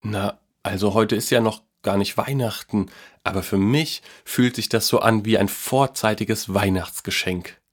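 A man voicing a kind, tired old grandfather in a storybook reading, speaking gently and softly. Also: fairly low pitch, measured pace, slightly rough. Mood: warm, gentle. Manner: gentle, soft, a bit tired.

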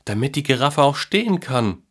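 A man voicing a curious, excited young boy who spells words out slowly. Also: mid-range voice, husky, voice pushed up. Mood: amazed.

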